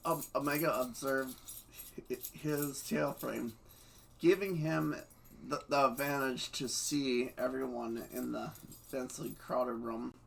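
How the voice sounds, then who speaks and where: A man's voice: medium pitch, steady tone, takes it slowly, gravelly, slight background noise. Stumbling, stuttering male fanfic reader. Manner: stumbling, stuttering, breaking into laughs. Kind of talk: casual reading aloud.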